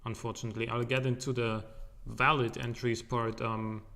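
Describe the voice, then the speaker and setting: A man's voice: mid-range voice, flat delivery, normal speed, bright, forceful tone. Man streaming from an echoey empty room. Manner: rambling, loose and joking, with many fillers. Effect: echo from a large empty room. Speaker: game streamer. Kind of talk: casual live-stream commentary. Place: large empty living room, indoors.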